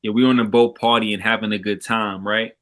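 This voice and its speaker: A man's voice: lowish voice, flat delivery, a little fast, a bit bright. A man tells his testimony casually over a remote call, acting out the voices he heard in his head. His mic keeps cutting out, so the volume drops and jumps unevenly. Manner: storytelling that acts out quoted inner voices. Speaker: guest sharing his faith testimony. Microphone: remote call microphone.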